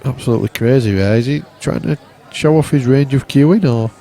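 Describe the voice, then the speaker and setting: Gravelly snooker commentator, man. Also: mid-range voice, a little fast, warm tone. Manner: wry, teasing, chatty. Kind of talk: relaxed live sports commentary.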